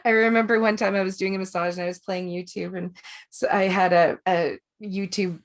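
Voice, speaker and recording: A woman's voice: mid-range voice, steady tone, brisk. A woman teaching an online energy work class, chatty and rambling with many fillers, over a video call. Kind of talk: casual online class talk.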